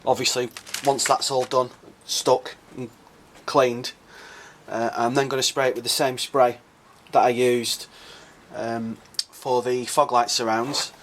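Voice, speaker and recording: A man with a croaky voice, casually explaining a car modification for his vlog, thinking aloud with plenty of uhs and ums. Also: mid-range voice, little pitch movement, slow, a bit bright, slight background noise. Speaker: car modding vlogger.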